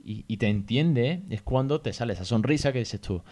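A man's voice: mid-range voice, animated, normal speed, darkish tone. A man from Spain hosting a casual solo podcast, chatty and swearing casually as he acts out the people he quotes. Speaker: podcast host. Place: hotel room.

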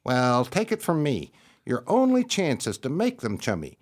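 In a radio play, a man with a mid-range voice and huge pitch swings, at normal speed, voices a streetwise, frank, friendly older dog. Folksy in manner, the character offers candid advice.

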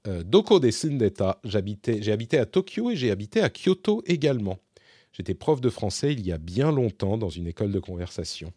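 A middle-aged man hosting a podcast, answering listener questions in a casual, hesitant way, often pausing and correcting himself. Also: on the low side, very animated, dark tone, slightly rough, no echo, studio quality. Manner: hesitant, thinks aloud, self-correcting. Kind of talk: casual Q&A monologue.

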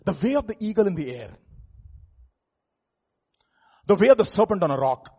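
A man with an Indian accent and a husky voice preaching in an informal teaching style, repeating phrases for emphasis and putting questions to his congregation. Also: sits high, very animated, rapid-fire, warm tone. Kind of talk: sermon with informal teaching asides.

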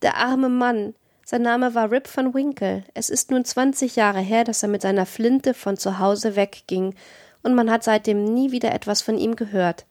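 A woman's voice: fairly high pitch, moderate pace, darkish tone, lightly acted. A woman reading a storybook, voicing a young woman who wistfully tells of her vanished father.

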